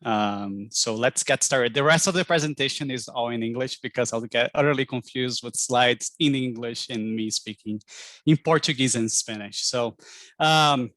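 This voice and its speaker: A friendly man, presenting an admissions webinar over a video call. His voice sits at a mid pitch and sounds close and dry, with no room around it. He talks chattily and fills pauses with plenty of ums. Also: a bit bright, dry recording. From Brazil. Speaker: admissions director hosting an info session. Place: home pottery studio.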